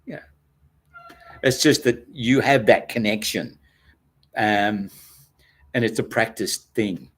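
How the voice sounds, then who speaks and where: Slow-talking Australian man chatting live. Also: on the low side, husky. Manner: relaxed, rambling, self-deprecating, with many restarts. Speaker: host of a live stream, former radio presenter. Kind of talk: casual live-stream chat reading viewer comments.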